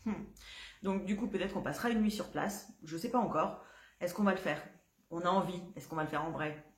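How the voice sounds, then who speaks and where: A woman's voice: on the low side, fairly quick. Chatty woman in an echoey room. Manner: chatty, many fillers and restarts, laughs easily. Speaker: knitting podcast host. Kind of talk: casual chat to camera. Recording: roomy echo.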